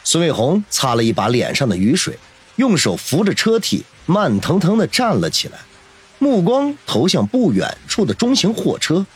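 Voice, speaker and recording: A man narrating a novel in a dramatic, expressive storytelling voice. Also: a little high, normal speed, husky. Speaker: audiobook narrator.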